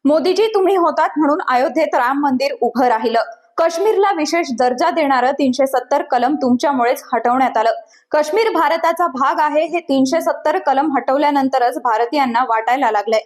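A woman's voice: sits high, brisk. A woman presenting scripted news narration in an emphatic headline style.

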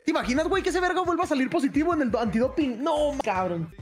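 A man's voice: extremely high pitch, animated, rapid-fire, a loud crowd. A man with a Mexican accent, bantering brashly on a group call, full of slang and curses. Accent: Mexican Spanish. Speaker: streamer. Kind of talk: casual chat on a group call.

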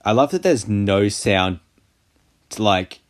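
A man commentating over a mobile game in a deep, unhurried voice. He swoops up and down in pitch as he mocks and jokes about everything in a sarcastic, crude way. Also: big pitch swings. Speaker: gaming channel host. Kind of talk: casual gameplay commentary.

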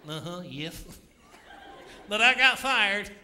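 A cocky pelican puppet, voiced by a man with a high, squawky pitch and a sassy, mocking drawl. It is recorded live on stage, and a noisy theater crowd can be heard clearly in the background. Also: sing-song, extremely slow, exaggerated voice. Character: cheeky wisecracking male pelican puppet.

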